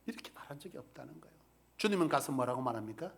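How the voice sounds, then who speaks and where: A male pastor giving a sermon, preaching emphatically and asking the congregation questions, dropping from loud outbursts to hushed whispers. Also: medium pitch, expressive, racing, gravelly. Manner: asks the congregation rhetorical questions.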